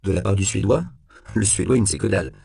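A man voicing a nervous, defensive suspect who stammers and bursts out in shrill panic in an audiobook. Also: quick pace, creaky, dark tone, no echo, clean studio sound. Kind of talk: audiobook character voice.

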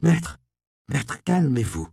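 A man's voice: mid-range voice, big pitch swings, slow pace, creaky, mellow, dry recording, clean studio sound, pitched above the performer's own voice, full character voice. A man voicing a fearful young apprentice who pleads and asks anxious questions.

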